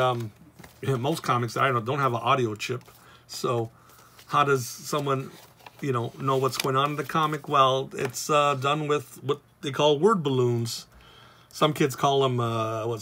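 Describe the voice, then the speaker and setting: Chatty comics teacher. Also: male voice, medium pitch, a bit bright, a little hiss or hum. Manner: rambling, loose and chatty, with many fillers. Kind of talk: casual drawing tutorial.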